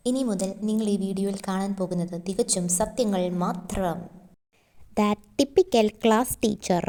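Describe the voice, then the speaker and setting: A woman hosting her channel, slowly introducing each comic segment. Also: mid-range voice, mellow. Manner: slow, announcing each teacher type. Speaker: channel host.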